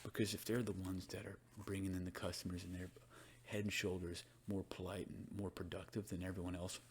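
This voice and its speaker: A man doing a soft-spoken, ASMR role-play as a librarian, chatting about books in a rambling, informal ASMR style. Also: low voice, little pitch movement, brisk, a little hiss or hum. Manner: rambling, informal, conversational book commentary. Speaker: ASMR performer playing a librarian.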